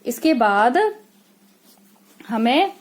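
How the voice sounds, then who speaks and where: A woman's voice: fairly high pitch, sing-song, drawn-out words. A woman from India teaching young children a lesson, stretching out sample words and checking in with a frequent "okay?". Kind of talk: classroom lesson explanation.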